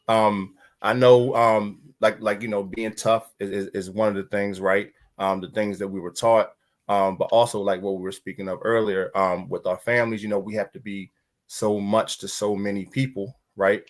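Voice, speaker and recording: A man's voice: on the low side, little pitch movement, moderate pace. A man moderating a church panel discussion, hesitant, with many fillers.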